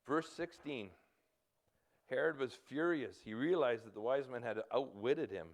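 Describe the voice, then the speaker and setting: A man in his fifties with a Canadian accent, preaching a sermon in a halting way, repeating words and breaking into urgent calls to act. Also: mid-range voice. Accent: Canadian English. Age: 50s. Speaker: pastor.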